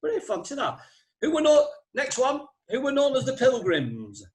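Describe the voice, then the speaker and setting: A man's voice: extremely high pitch, wildly swooping pitch, moderate pace, darkish tone. A man hosting a casual quiz over a video call, teasing the players as he goes. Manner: jokey, teasing quiz master. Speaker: quiz host.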